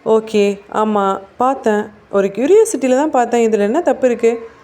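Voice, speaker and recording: A woman's voice: medium pitch, moderate pace, a little mellow, lightly acted. A woman voicing an evasive, indignant male police officer who is under suspicion.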